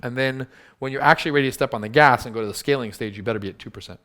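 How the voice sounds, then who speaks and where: Guy rattling off a workshop talk real fast, punchy, teases the crowd. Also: medium pitch, fairly bright tone. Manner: punchy, teasing the audience. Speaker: workshop speaker. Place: workshop room with audience.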